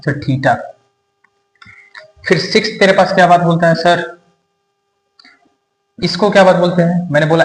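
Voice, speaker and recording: A man's voice: a little high, roomy sound, low-quality recording. A young man teaching a casual lecture, acting out both sides of a teasing back-and-forth with his students. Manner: acts out student and teacher dialogue, informal and teasing.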